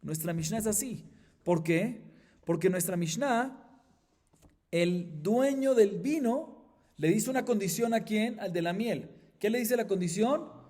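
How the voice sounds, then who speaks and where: A high-pitched man with a mellow, dark tone lectures as a rabbi on Talmud. He throws out questions and answers them himself, swinging between loud emphatic bursts and hushed asides. He sometimes slips into a chanted recitation of the text. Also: lively intonation, slow pace. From Colombia. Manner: asks and answers his own questions.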